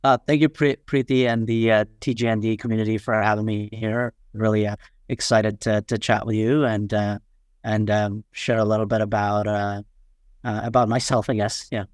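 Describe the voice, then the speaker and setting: Man from Nepal in his thirties, clear resonant voice, dry close sound, hesitant guest telling his story. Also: on the low side, little pitch movement, no echo. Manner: halting, many fillers and restarts. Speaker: podcast guest. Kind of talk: casual interview chat.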